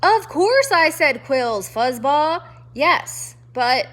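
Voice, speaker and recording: A woman voicing a grumpy old male porcupine who talks loudly and insults everyone, in a storybook reading. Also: high-pitched, very animated, extremely slow, full character voice. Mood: gruff. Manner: loud, scornful, insulting. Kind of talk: storybook read-aloud.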